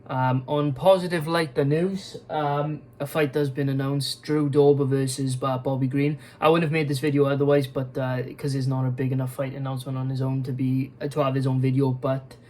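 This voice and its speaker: Speaking briskly with a flat delivery and hardly a pause, this young MMA host has a mellow, mid-range voice captured on poor audio. He's tired and yawning, chatting casually about the news with heavy fillers, restarts and frequent cursing.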